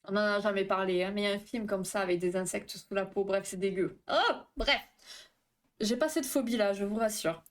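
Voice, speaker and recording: A woman therapist hosting a live stream, chatting casually with viewers, reading the chat aloud, talking fast and tripping over her words. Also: medium pitch.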